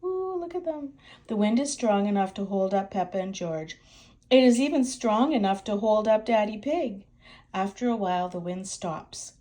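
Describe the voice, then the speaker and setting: A woman's voice: mid-range voice, moderate pace. Older woman, a grandmother reading a storybook aloud. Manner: expressive, talking directly to young children. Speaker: grandmother reading a picture book to children. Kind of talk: warm storybook read-aloud with chatty asides.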